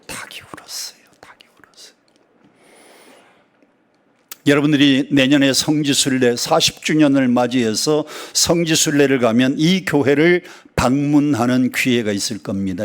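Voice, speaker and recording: Animated Korean pastor preaching. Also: male voice. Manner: lively storytelling with sudden high exclamations and dialect jokes. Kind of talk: sermon. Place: church sanctuary.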